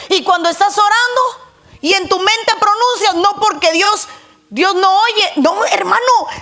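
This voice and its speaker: A woman's voice: high-pitched, fairly bright tone. A woman pastor preaching a sermon, repeating phrases for emphasis and putting questions to the congregation.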